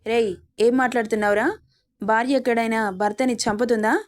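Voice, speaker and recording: A woman's voice: fairly high pitch, steady tone, brisk, lightly acted. A woman reading as a kind, protective mother-in-law. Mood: scolding. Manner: comforting, scolding.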